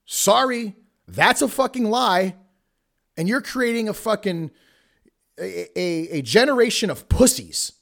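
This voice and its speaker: A man hosting a show, delivering a forceful, emphatic motivational monologue straight at the listener in blunt, sweary tough-love language. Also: high-pitched, animated, measured pace, gravelly. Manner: preachy, addresses listeners directly. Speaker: podcast host.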